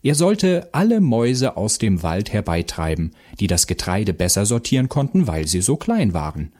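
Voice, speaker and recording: A man narrating a children's fairy tale aloud in a slow, expressive storytelling manner. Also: fairly low pitch.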